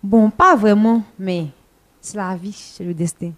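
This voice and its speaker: An actress playing a wife who speaks forcefully and resentfully about her husband's broken promise. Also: mid-range voice, natural voice. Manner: forceful, resentful, quick retorts. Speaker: talk-show guest.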